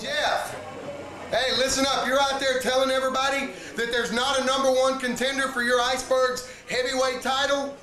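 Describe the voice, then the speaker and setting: A man's voice: extremely high pitch, level tone, moderate pace, bright, forceful tone, soft background music. A man cutting an emphatic, confrontational wrestling promo as a show official announcing matches in an arena. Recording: echoey arena sound.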